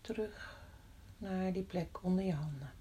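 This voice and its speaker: A woman guiding a body-scan meditation in a soft, often whispered voice, slow and calm with long pauses. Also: on the low side, slight background noise. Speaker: meditation guide.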